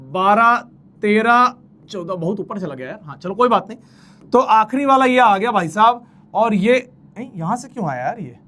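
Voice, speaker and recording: A man's voice: very high-pitched, fairly bright tone. A man teaching a casual math lecture, chatty and playful, counting steps aloud as he draws and calling his students brother.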